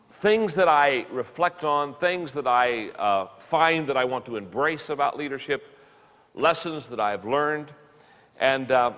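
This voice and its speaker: A man's voice: medium pitch, fairly bright tone, long reverb tail. A man in his fifties giving a recorded leadership lesson, often stumbling and repeating words as he talks. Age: 50s. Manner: halting, repeats words while speaking. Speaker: leadership teacher.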